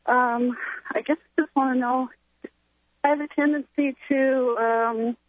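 A woman's voice: sits high, fairly even intonation, a little slow, no echo. A woman calling in to a radio show over a phone line, speaking hesitantly with many fillers. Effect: heard over a phone line. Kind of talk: calling in to ask a question.

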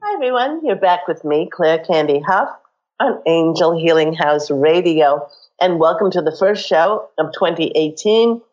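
A woman hosting a spiritual radio show, hoarse with a cold and croaky, speaking in an earnest, uplifting way. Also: lowish voice, unhurried, a little mellow, dull audio, faint music behind.

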